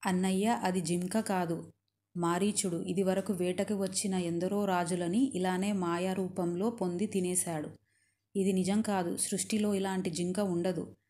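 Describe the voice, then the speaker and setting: A woman voicing a loyal, earnest young prince in a storytelling reading, slow and steady. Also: fairly low pitch, close to an everyday voice. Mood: warning. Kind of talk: storytelling narration.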